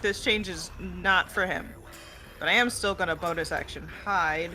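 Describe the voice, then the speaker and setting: A player at a tabletop game, talking casually and slowly, often laughing and trailing off. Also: medium pitch, sharp tone, soft background music. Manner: slow, giggly, trailing off.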